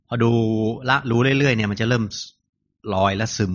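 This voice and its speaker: Brisk male meditation teacher. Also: mid-range voice. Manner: brief corrective instructions. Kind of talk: guiding meditation practice. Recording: dull lo-fi recording.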